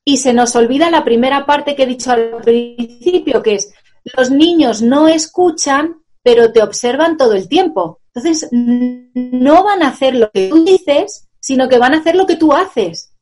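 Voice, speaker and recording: A woman's voice: high voice, measured pace, darkish tone, soft background music. A woman, a mother giving earnest explanations about parenting in an interview, using examples and tag questions. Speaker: parenting expert guest; mother of two children.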